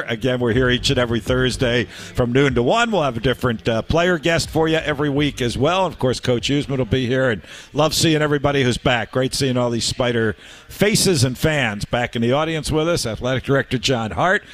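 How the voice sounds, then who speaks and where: A man's voice: mid-range voice, a bit bright. A man hosting a live sports radio talk show from a restaurant, a friendly and chatty interviewer.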